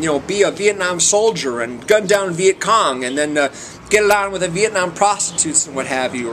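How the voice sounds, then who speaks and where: Amateur male movie reviewer, fairly high voice, hesitant and meandering, casual off-the-cuff delivery, some noise on the recording. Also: fairly bright tone. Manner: hesitant, meandering, often trailing off. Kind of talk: casual rambling film review. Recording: noticeable background noise.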